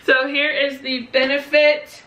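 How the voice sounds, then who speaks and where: A woman's voice: sits high, flat delivery, a little slow, sharp tone. A young woman vlogger chatting casually through a beauty haul, full of "um" and "like" fillers. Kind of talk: casual product haul review. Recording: echoey room with faint noise.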